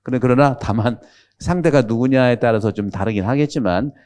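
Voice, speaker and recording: Mellow-voiced male priest giving a chatty lecture. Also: mid-range voice, a little fast. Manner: chatty and humorous, asks the audience questions; drops into regional speech when quoting. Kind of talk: conversational catechism lecture.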